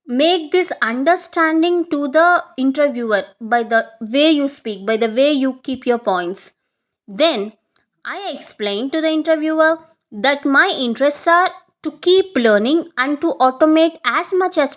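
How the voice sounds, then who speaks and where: A woman's voice: sits high, a bit bright. A woman with a South Indian accent giving earnest, emphatic advice straight to viewers in an instructional monologue. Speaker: career advice video creator.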